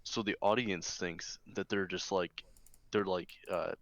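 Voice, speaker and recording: A man's voice: deep voice, fairly even intonation, a little slow, a bit bright, no room sound, dull audio. A man from Michigan, a guest in a casual discussion, talking hesitantly with many restarts.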